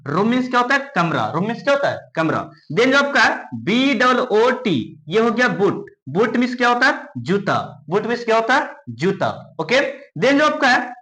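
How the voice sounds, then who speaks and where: A male teacher with a high, bright, sharp voice. He explains sounds at the board, asking a question and answering it himself as he repeats each word slowly. The sound rings in a roomy, echoey space. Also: sing-song. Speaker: English teacher. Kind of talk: classroom lesson at a board.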